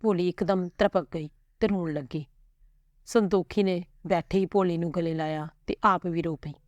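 Low-voiced woman storyteller. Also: steady tone, normal speed, dry recording, dull audio. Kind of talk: scripted story narration.

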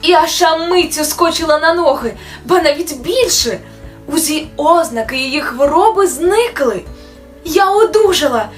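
High-voiced woman reading a fairy tale. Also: moderate pace. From Ukraine. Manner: gentle, expressive storytelling. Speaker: storyteller. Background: soft music.

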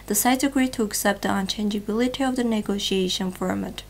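A young woman presenting a read news bulletin in a television studio, in a steady, formal newsreading manner. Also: mid-range voice, fast talker, faint music behind.

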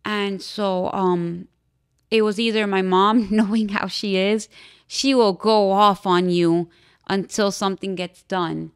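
A young woman from Miami, telling her own story as a podcast interview guest in a candid, halting way, with frequent fillers and restarts. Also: mid-range voice, steady tone, smooth. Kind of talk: personal testimony in a podcast interview.

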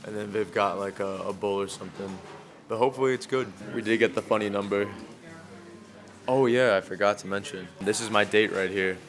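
Lowish and steady, talking a little fast, this twenty-something food vlogger keeps things joking and relaxed. He's recorded on a shirt clip-on mic, first on a city street outside, then inside a small, busy restaurant.

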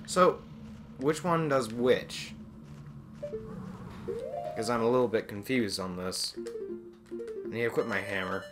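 Deep-voiced woman, unhurried, talking to herself, let's-play commentary. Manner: thinking aloud, muttering to herself between sudden exasperated outbursts. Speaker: video game player. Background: game music.

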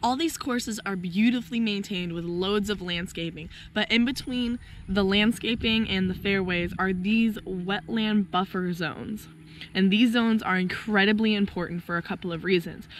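A young woman with a hoarse, fading voice talks eagerly through a casual outdoor nature vlog. Her voice sits mid-range for a woman, and faint outdoor ambience hums behind her. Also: medium pitch, normal speed, a little hiss or hum. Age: young adult. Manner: chatty, enthusiastic explainer. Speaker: biology student filming wildlife. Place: outdoors on a golf course.

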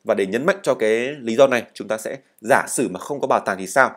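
A man's voice: fairly low pitch, fairly quick. A man teaching an English speaking lesson, explaining in Vietnamese, reading model answers and having students repeat words after him. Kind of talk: spoken language lesson.

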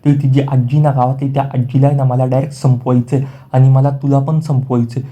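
A man reading the lines of a scheming middle-aged woman villain in a retold serial, flatly and with little change from his narration. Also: medium pitch, brisk, close to an everyday voice. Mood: plotting.

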